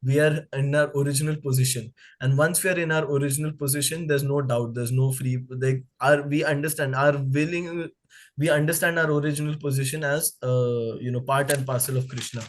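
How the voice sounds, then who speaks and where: A man's voice: mid-range voice, fairly even intonation, brisk. A young man teaching a scripture class, explaining ideas with everyday examples and frequent fillers. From Nepal.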